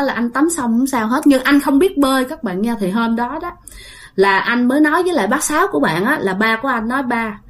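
A woman telling a ghost story in a casual, chatty way, talking straight to her listeners. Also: on the high side. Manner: chatty, addresses listeners directly, many fillers.

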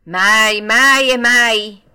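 A woman voicing a cocky, restless schoolboy friend who speaks briskly and emphatically in an audiobook. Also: medium pitch, lively intonation, sharp tone. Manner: brisk, emphatic and sure of himself.

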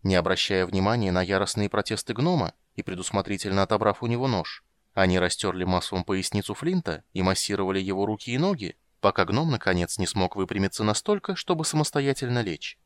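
A man narrating an audiobook with expressive storytelling. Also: on the low side, fairly quick, no room sound.

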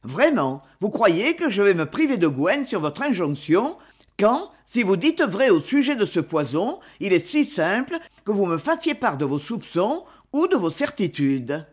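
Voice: medium pitch, sing-song, a little slow. A narrator voicing a tense, suspicious young rajah who answers in a curt, clipped way. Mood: tense, irritated.

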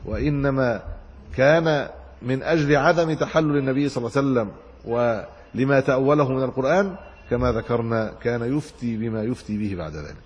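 Husky male scholar in a reverberant hall. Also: medium pitch, brisk, lo-fi sound. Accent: Egyptian Arabic. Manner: reads classical text then explains in colloquial asides. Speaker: Islamic scholar teaching hadith commentary. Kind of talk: religious lesson explaining a hadith text.

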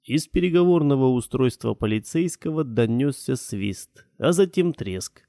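A man reading a first-person audiobook in a measured, matter-of-fact way. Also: medium pitch, animated, dark tone, no echo, clean studio sound. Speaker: audiobook narrator.

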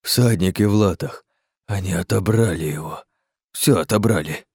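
Man doing a rumbling panicked monster. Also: moderate pace, gravelly, slightly rough, dry recording, clean studio sound, heavily acted. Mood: dazed. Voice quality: low rumbling voice. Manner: shouting in distress. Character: huge male monster, once a man, panicked and furious.

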